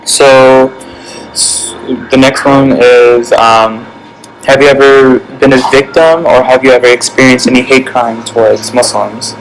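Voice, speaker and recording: A man's voice: medium pitch, steady tone, unhurried, a little hiss or hum, poor audio. Young man interviewing, hesitant. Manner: hesitant, many ums. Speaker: student interviewer. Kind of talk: casual class interview. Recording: background music.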